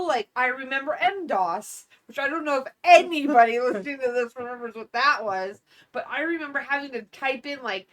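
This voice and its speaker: A woman's voice: high-pitched, fairly bright tone. A woman in her late thirties co-hosting a podcast, talking in a rambling, casual way with lots of fillers and trailing sentences. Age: 30s. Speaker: podcast co-host. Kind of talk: casual chat.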